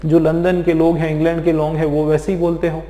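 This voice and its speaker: Speaking in a completely flat, warm voice that runs somewhat high for a man, a vocabulary teacher from India gives an exam-prep lecture. He explains patiently and slowly, repeating himself and checking in with students again and again, all in an echoey space with long reverb.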